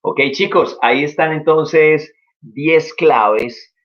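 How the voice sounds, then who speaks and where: A man's voice: fairly high pitch, slow pace. A young man teaching English in a casual live stream, upbeat and encouraging as he explains step by step. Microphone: live-stream mic. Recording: dull lo-fi stream audio.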